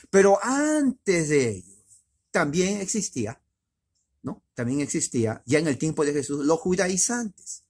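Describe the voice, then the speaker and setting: Male preacher, husky and a bit breathy, talks it through like a chat, then punches key lines with rhetorical questions. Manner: emphatic, rhetorical questions, sharp swings of pitch and loudness. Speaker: preacher teaching doctrine. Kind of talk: conversational sermon.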